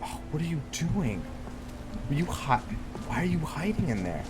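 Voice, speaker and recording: Over loud game music, rain and thunder, a man with a voice on the high side talks at normal speed and sounds very animated. He's a gaming YouTuber hosting a roleplay let's play, offering easygoing, improvised commentary and chatting with the characters in the game.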